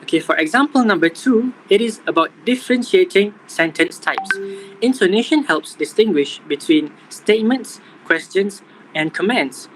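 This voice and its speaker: A man's voice: high-pitched, moderate pace, slight background noise, poor audio. Young man reading a class presentation. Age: young adult. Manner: steady, reading from a script. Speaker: student presenter.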